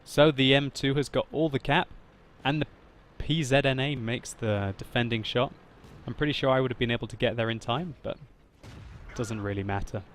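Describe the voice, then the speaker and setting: Man doing animated game commentary. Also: mid-range voice, moderate pace, hardly any pauses. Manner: animated, laughs often, spikes loud when excited. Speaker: gameplay commentator. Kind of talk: video game commentary voice-over.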